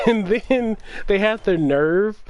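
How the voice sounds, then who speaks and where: A man's voice: high voice, animated, slow pace, no echo. A man hosting a gaming livestream, ranting casually with exasperation, laughing and swearing as he talks.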